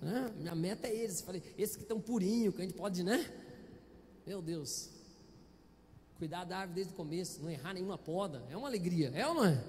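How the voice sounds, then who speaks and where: High-voiced playful Brazilian preacher man. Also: expressive, fairly quick, a little mellow, long reverb tail. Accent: Brazilian Portuguese. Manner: chatty, playful preaching with frequent audience questions. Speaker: pastor. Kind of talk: Sunday sermon. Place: church auditorium. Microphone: handheld microphone.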